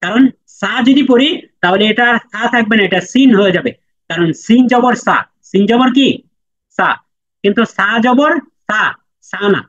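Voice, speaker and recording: A man's high, slightly bright voice moves a little slowly, with frequent pauses, as he teaches Quran letter pronunciation online. He patiently repeats every sound for students to echo, in dry, dull lo-fi audio.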